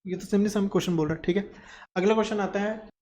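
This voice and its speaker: A man's voice: sits high, steady tone, fast talker, a little mellow, slight background noise. A man teaching accounts in a classroom lecture. He mixes Hindi with English terms and asks questions that he answers himself. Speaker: commerce teacher.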